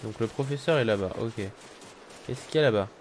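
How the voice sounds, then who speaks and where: A man's voice: medium pitch, a little fast, a little hiss or hum. A man giving casual let's-play commentary with joking, offhand asides. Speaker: gaming streamer.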